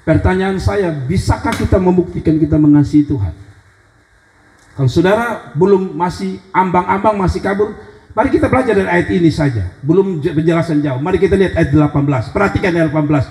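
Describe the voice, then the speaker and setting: A male pastor with a Kupang accent, preaching an animated sermon and acting out scripture scenes. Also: high-pitched, quick pace, reverberant, rough recording. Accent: Kupang Indonesian. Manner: animated preaching that dramatizes scripture in acted-out voices. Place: church sanctuary.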